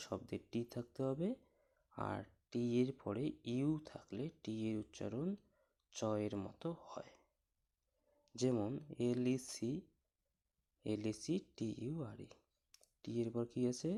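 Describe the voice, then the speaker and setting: Man, pronunciation teacher, dark mellow voice, very slow, spells letters, asks and answers himself. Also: mid-range voice, gravelly. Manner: repeats words and letters patiently, asks and answers own questions.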